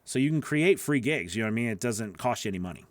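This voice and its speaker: In a casual livestream Q&A, a man coaching voice-over talent talks fast in an expressive, medium-pitched voice. He wanders, self-corrects as he goes and fills his answers with "you know." The recording is dry.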